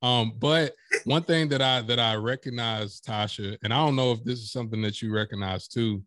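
A man speaking as a podcast guest, in a mid-range voice, talking with lively emphasis and acting out little quotes. The sound is dry and close, with no room echo. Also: medium pitch, moderate pace. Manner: animated, emphatic storytelling with acted-out quotes. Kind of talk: casual interview chat.

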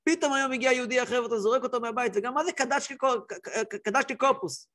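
A man's voice: very high voice, a bit bright. A man voicing an earnest young male student asking puzzled questions.

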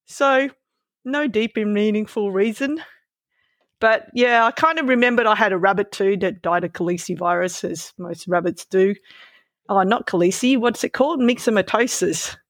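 Her mid-range voice, moderate pace and the dry, clean studio sound frame a casual, candid interview in which this woman in her fifties tells her story with some self-deprecation. She has an Australian accent, having been born in Malaysia and moved to Australia around twelve.

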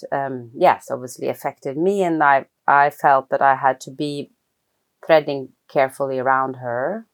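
A woman's voice: extremely low pitch, steady tone, unhurried. A middle-aged woman, a film writer-director, speaking English as an interview guest, thoughtful and hesitant with frequent restarts. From Norway. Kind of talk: reflective personal interview.

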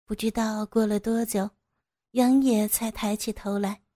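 A woman reading a scripted story in a soft, even narrating voice. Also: medium pitch, measured pace.

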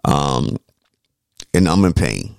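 Deep, creaky man talking through braces. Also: lively intonation, slow, no echo, clean studio sound. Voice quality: slobbery speech hampered by dental braces. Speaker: podcast co-host. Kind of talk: casual chat.

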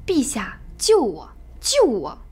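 A woman's voice: on the high side, huge pitch swings, takes it slowly, music in the background, exaggerated voice. A woman voicing a proud, hot-tempered male dragon king in a storybook tale, blustering and demanding. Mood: pleading. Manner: blustering, threatening.

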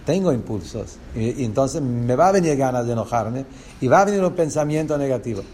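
A man with a Rioplatense Spanish accent leads a lesson on a religious text, in a voice of ordinary middle pitch. He explains patiently, point by point, often turning to his listeners with rhetorical questions. A faint hiss of noise sits under the recording. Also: expressive, brisk, warm tone. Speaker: religious teacher.

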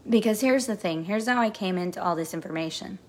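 This woman in her forties hosts a podcast and works as a coach, delivering an emphatic motivational monologue full of repetition that turns emotional at times. Her pitch is medium and her delivery brisk.

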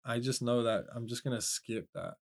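A man's voice: mid-range voice, normal speed, gravelly. A man from England with an English accent, chatting on a podcast in a laid-back, loose way and swearing freely. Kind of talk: casual podcast chat.

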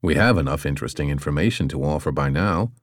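A man reading an audiobook, voicing a thoughtful businessman who speaks in a measured, deliberate way. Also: rumbling low, expressive, dry recording, studio quality, pitched below the performer's own voice.

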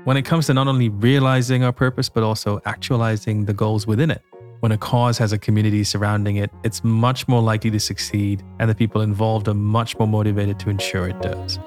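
A man's voice: fairly low pitch, flat delivery, fairly quick, darkish tone, soft background music. A man hosting a podcast, telling stories in a reflective way and introducing a guest. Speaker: podcast host. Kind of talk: scripted intro and casual chat.

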